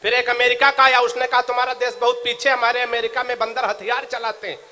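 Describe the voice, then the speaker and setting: A man performing comic poetry on stage, bantering with the crowd and chanting his verses slowly. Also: very high-pitched, little pitch movement, pushed and bright, slight background noise. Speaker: comic poet. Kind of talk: stand-up comic poetry at a live recital.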